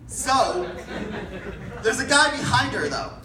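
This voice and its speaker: A man's voice: very high-pitched, big pitch swings, takes it slowly. A young man doing stand-up storytelling, rambling with lots of fillers and acting out characters. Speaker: stand-up comedian. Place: comedy club stage. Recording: roomy room, distant mic, background noise.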